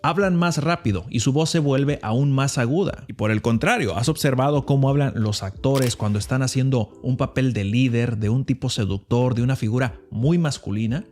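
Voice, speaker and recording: A man hosting a lifestyle tutorial, speaking calmly and instructively straight to the viewer. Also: medium pitch, normal speed, few pauses, soft background music. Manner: calm, instructive, addressing the viewer directly. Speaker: lifestyle video host. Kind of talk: voice-over tutorial.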